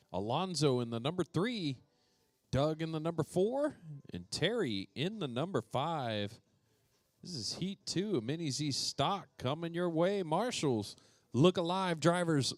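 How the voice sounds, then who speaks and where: A man's voice: on the high side, dry recording. A man doing playful live commentary at an indoor RC racetrack, calling out drivers by name. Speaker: RC race announcer.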